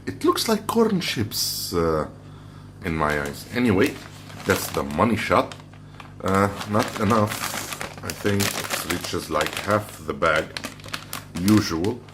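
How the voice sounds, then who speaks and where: A man giving a casual food review, talking while he handles and crunches chips, in an off-the-cuff vlog style. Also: low-pitched. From outside the Philippines. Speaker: snack reviewer. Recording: clearly noisy background.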